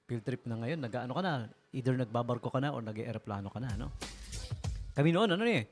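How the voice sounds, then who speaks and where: Lively radio DJ, chatty. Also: male voice, fast talker, soft background music. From Philippines. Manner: chatty, laughs often, mimics politicians in a high voice. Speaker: radio DJ host. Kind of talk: casual radio chat. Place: radio studio.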